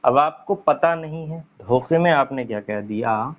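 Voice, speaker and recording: Man, English teacher, slow, repeats words while writing, dull lo-fi recording. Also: mid-range voice. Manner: repeats words slowly while writing on a board, frequent 'theek hai'. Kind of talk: casual online lesson.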